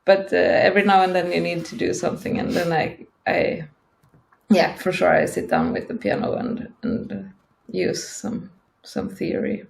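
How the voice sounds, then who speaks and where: Band woman, low gravelly voice, super slow, keeps restarting sentences. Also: sing-song, reverberant. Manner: deliberate, frequent restarts. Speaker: band member. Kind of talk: casual interview.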